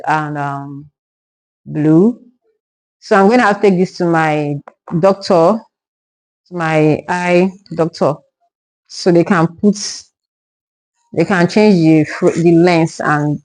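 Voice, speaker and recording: A woman's voice: fairly low pitch, a little mellow, dry recording, poor audio. Exasperated young woman vlogger, dry sound. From Nigeria. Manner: exasperated, repeats words when upset. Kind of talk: casual haul review to camera.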